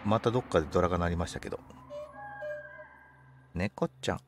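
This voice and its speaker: A man's voice: sits low, brisk, over music. A man commentating on a game for a livestream, politely musing aloud to himself in casual chat. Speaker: game streamer.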